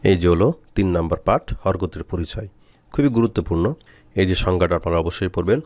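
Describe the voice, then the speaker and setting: Deep-voiced man spelling Arabic letters. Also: a little mellow, dry recording. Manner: slow, drawn-out syllables when spelling; repetitive, patient instruction. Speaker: Quran recitation teacher.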